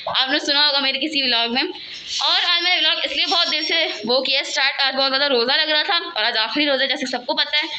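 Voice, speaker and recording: Chatty woman vlogger at home, high bright voice, talking loud to her viewers. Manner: chatty, rambling, talks to viewers as guys; speaking loudly over household noise. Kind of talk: casual home vlog chat. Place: at home, cooking and sweeping nearby.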